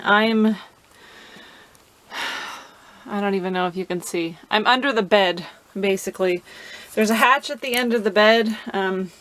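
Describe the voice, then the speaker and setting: A woman's voice: medium pitch, fairly bright tone, rough recording. A woman vlogger giving a laid-back, informal how-to explanation, chatting casually to the camera. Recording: clear background noise and ambience.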